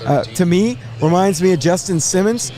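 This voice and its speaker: A man hosting a casual live sports draft show, thinking aloud in a halting way and repeating words as he goes. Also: sits high, lively intonation, warm tone.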